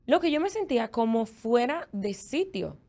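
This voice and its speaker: A young adult woman with a Dominican Spanish accent, co-hosting a casual chat and telling candid, expressive stories. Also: a little high, moderate pace. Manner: candid, expressive storytelling with lots of fillers. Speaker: podcast co-host.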